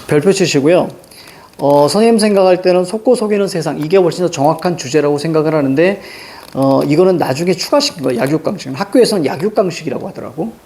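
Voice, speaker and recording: A man's voice: fairly high pitch, a little hiss or hum. A male teacher giving a classroom lecture, telling stories with jokey asides. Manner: animated storytelling, jokey asides.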